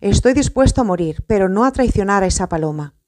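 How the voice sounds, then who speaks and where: Woman voicing an indignant, heartfelt apostle man, storybook reading, dark mellow tone. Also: mid-range voice, animated, quick pace, no room sound, clean studio sound, natural voice. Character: devoted, indignant adult male apostle.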